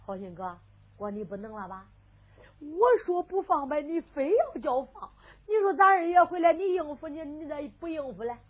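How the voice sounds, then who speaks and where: A woman's voice: sits high, very animated, normal speed. Woman doing a stammering timid male servant. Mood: grumbling. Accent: Henan. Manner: stammering, mumbling. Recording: phone-like lo-fi with faint music.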